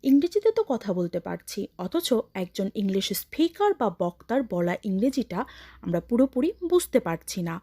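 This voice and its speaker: A woman's voice: mid-range voice, a little mellow. A woman with a Bengali accent teaching English pronunciation. She says each letter and example word twice and explains in Bengali. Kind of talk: slow, deliberate pronunciation lesson.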